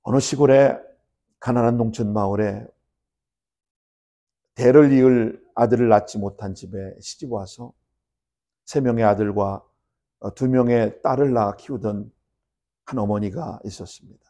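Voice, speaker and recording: A middle-aged male pastor preaching a sermon, building to loud impassioned peaks and dropping to soft endings. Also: mid-range voice, steady tone, measured pace, long pauses. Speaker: senior pastor.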